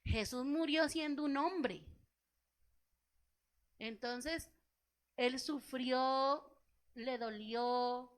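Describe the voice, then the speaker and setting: A woman's voice: high voice, extremely slow, long pauses. A woman pastor giving a sermon in a church, telling a personal story, acting out what people said, and asking the congregation questions. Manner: storytelling, acts out quoted dialogue; asks the congregation rhetorical questions.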